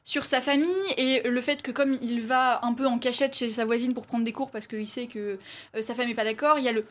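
A woman's voice: on the high side, flat delivery, brisk. A woman reviewing a film in casual talk, hesitant, with many fillers and restarts.

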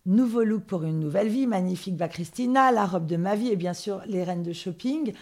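A woman's voice: mid-range voice, fairly quick, a little mellow. A woman hosting a podcast interview, asking questions and paying her guest compliments. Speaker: podcast host.

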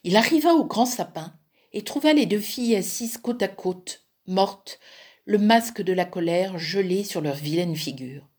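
Husky woman reading a fairy tale. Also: mid-range voice. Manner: measured, expressive storytelling. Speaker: storyteller.

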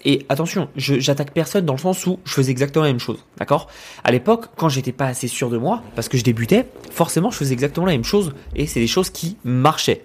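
A man's voice: on the high side, a little mellow, slightly rough. A man from France hosting a solo podcast, giving business advice in a direct, persuasive way and talking straight to the listener. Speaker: podcast host and business coach.

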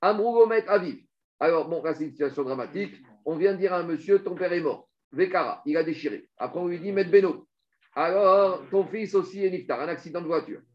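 A man teaching a Talmud lesson, explaining rapidly and animatedly while reading out Hebrew and Aramaic passages. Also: sits high. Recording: dull lo-fi recording.

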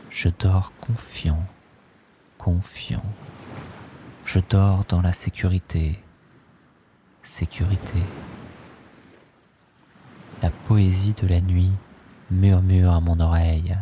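A man narrating a guided sleep meditation, speaking softly and repeating words in a slow, hypnotic way. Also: sits low. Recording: steady ocean wave noise behind. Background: ocean waves.

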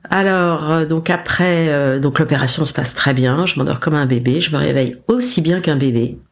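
Gravelly-voiced woman telling her story with humour. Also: low voice, moderate pace. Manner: animated storyteller who acts out her own lines with self-mocking humour. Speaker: podcast guest. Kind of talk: casual storytelling interview.

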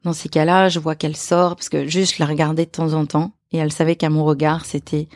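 A woman, an actress and author, telling a personal story as a podcast guest, halting and repeating her phrases. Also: low voice, little pitch movement, a little mellow, dry recording, clean studio sound.

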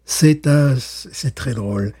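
This middle-aged man, co-hosting a podcast, has a medium-pitched voice with a breathy edge and a slow delivery. He spins lively stories in a casual conversation, stammering, repeating himself, and laughing along.

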